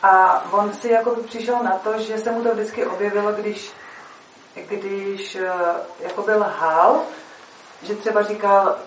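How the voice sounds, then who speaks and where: A woman's voice: mid-range voice, fairly even intonation. A woman performer chatting casually, rambling with lots of fillers as she tells a story. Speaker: stage performer. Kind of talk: casual chat. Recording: echoey room, mic far off, faint noise.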